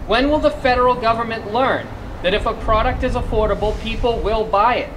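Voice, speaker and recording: At a rally, a small business advocacy spokesman from Massachusetts delivers a prepared political speech in a formal, emphatic manner, with a Massachusetts accent. His voice is extremely high-pitched and fairly quick, and there is background noise.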